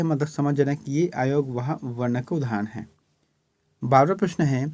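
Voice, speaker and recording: This exam-prep lesson features a male teacher from Chhattisgarh, India, with a mid-range, darkish voice and no echo. He explains the exam questions step by step, regularly pausing to ask "ठीक है" ("okay").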